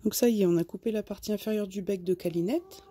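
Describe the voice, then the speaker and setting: A woman's voice: mid-range voice, fast talker, warm tone, slightly rough, no echo. A woman casually explaining her chicken coop and garden work outdoors, chatty and step by step, with many tag questions. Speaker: vlogger keeping chickens and a garden.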